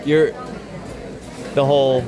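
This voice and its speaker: A young man from Lexington, chatting earnestly and haltingly in a casual interview. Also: medium pitch, level tone. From Lexington, Kentucky. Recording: loud crowd chatter in busy venue. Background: loud crowd in a public space.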